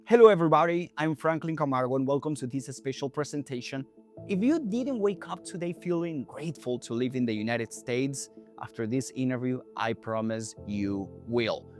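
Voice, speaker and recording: A man's voice: mid-range voice, normal speed, faint music behind. A man from Venezuela hosting an interview, speaking earnestly with emphasis. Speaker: host.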